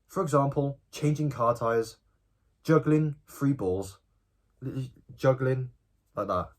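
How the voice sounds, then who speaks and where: An eighteen-year-old man with a medium-pitched voice talks slowly and casually to camera for a self-improvement vlog. He's animated and informal, frequently ending lines with "bro" and "okay?".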